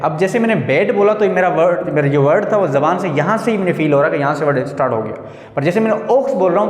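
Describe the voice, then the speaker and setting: A man with a fairly high voice teaches a grammar lesson, walking through each point slowly and putting questions to his listeners. He repeats words as he goes. The sound rings with a long reverb, as if he is recording in a bare room. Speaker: English teacher.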